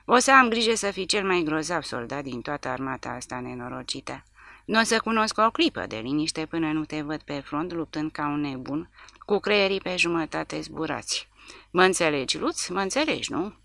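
A woman's voice: low voice, lively intonation, vocal fry, sharp tone, no room sound, full character voice. A woman reading aloud, voicing a huge, brutal male corporal who roars and jeers menacingly. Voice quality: roaring, jeering.

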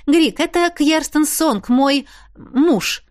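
A woman voicing a lively young lawyer wife who talks brightly and teases. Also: sits high, no room sound, clean studio sound, voice pushed up. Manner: bright, teasing, quick to exclaim.

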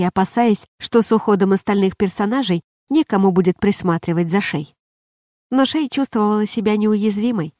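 A woman narrating an audiobook in an even, measured reading voice. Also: medium pitch, no room sound, clean studio sound. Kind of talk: scripted narration.

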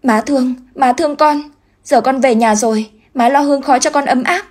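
A woman's voice: high voice, normal speed, voice pushed up. A woman voicing a grieving mother crying out to her dead son's spirit. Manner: loud, sobbing and pleading.

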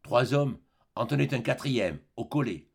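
A man reading a classic novel aloud as an audiobook, with measured, expressive storytelling. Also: medium pitch, gravelly, slightly rough. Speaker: audiobook reader. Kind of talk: literary audiobook narration.

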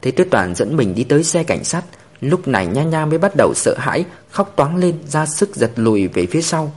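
Expressive male storyteller; fairly high, animated, breathy tone. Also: fairly quick. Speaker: narrator. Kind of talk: scripted story narration.

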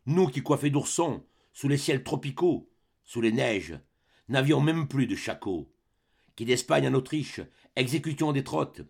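A man's voice: medium pitch, expressive, measured pace, gravelly, slightly rough, heavily acted. A man reading the part of a boastful old grenadier sergeant, declaiming rhythmic verse in a dramatic reading of a play. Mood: proud.

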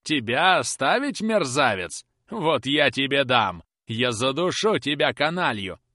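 A man voicing a cruel, menacing gentleman clerk who threatens in a harsh, slow, loud manner. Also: mid-range voice, very animated, dry recording, clean studio sound, voice pushed up. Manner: harsh, threatening, shouting slowly.

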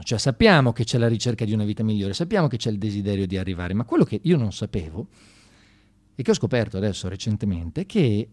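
In a radio studio, a man with a fairly low, slightly mellow voice performs a satirical monologue. He's a storyteller speaking informally and directly to his audience, with ironic, mock-enthusiastic colloquial talk.

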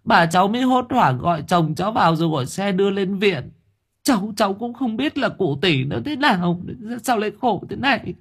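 A man's voice: high voice, animated, brisk, slightly rough, pitched above the performer's own voice, exaggerated voice. A man doing a sobbing young village woman. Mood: weeping. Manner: tearful stammering.

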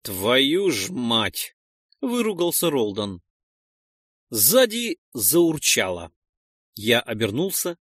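A man narrating a first-person fantasy audiobook in an expressive, dramatic way. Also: on the high side, dry recording, clean studio sound.

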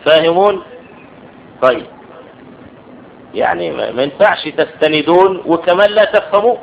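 A man's voice: fairly high pitch, normal speed, gravelly, a little hiss or hum. A man with an Egyptian accent giving a classroom grammar lesson, explaining step by step and often checking that students understand. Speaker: teacher. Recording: dull lo-fi classroom recording.

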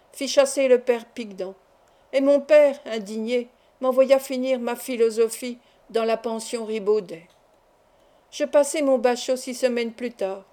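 A woman reading a classic short story aloud as an audiobook, in a measured storytelling manner. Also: on the high side, mellow. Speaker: audiobook reader.

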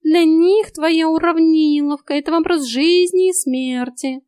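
A woman voicing a cheeky, sly male house cat in an audiobook, with a slow, smug, teasing delivery. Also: very high voice, steady tone, a little mellow, no room sound, studio quality, pitched above the performer's own voice. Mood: insistent.

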